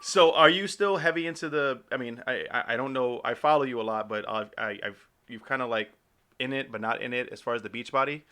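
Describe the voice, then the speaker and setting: A man's voice: medium pitch, bright, forceful tone. A man with a New York accent hosting a podcast, chatting in an upbeat, talkative way. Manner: upbeat, quick, chatty interviewer. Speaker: podcast host. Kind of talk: casual chat.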